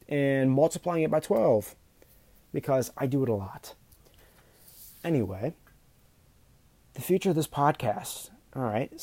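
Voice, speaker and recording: A man's voice: mid-range voice, warm tone, no room sound. A man hosting his own podcast, talking off the cuff in a nervous way, stumbling over words, restarting and saying um often. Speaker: podcast host. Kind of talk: unscripted solo podcast talk.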